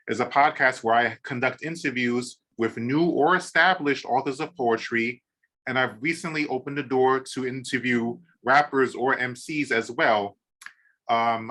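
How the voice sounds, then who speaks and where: A man's voice: medium pitch, sharp tone. A man hosting a poetry podcast interview over a video call, enthusiastic, with many "um"s and repeated "awesome". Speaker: podcast host.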